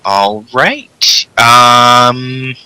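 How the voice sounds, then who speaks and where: A man playing a tabletop game, asking slow, hesitant questions with many ums. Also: medium pitch, sharp tone, smooth, no echo, poor audio. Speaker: player.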